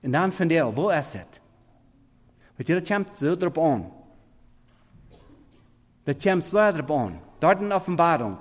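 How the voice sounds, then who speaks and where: A man preaching a sermon in halting, non-standard German, swinging between loud emphatic scripture reading and quiet murmured asides. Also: on the high side, very animated. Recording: long reverb of a big hall.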